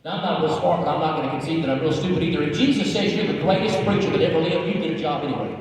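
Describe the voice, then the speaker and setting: High-pitched American preacher roaring in a hall. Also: male voice, rapid-fire, far from the mic, heavy background noise. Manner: emphatic, repetitive build-ups for effect. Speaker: pastor preaching at a conference. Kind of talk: roaring, rallying political sermon. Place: large auditorium with audience. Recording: echoey large hall, crowd reacting. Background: audience shouts and reactions.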